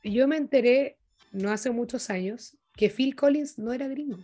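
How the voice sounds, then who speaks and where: Agreeable young Chilean woman, highish voice. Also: normal speed, mellow, no room sound, soft background music. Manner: slangy, agreeable, backs up her co-host. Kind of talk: casual chat.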